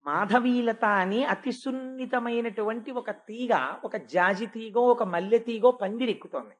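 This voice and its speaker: A man giving a devotional sermon, telling a sacred story and swinging from hushed tones to emphatic ones, slowing down for stress. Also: very high voice. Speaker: devotional discourse speaker.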